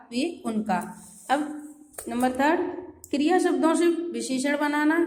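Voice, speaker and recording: A woman teaching a grammar lesson to schoolchildren. She reads example words aloud in lists and often checks in with the class. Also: sits high. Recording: echoey room with long reverb.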